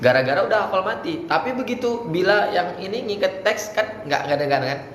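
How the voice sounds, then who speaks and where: A high-pitched man with lively intonation and a fairly quick pace coaches students casually for an Islamic speech contest, sometimes chanting Arabic phrases to show how it's done. The setting is an indoor room at an Islamic boarding school that sounds echoey, with faint background noise.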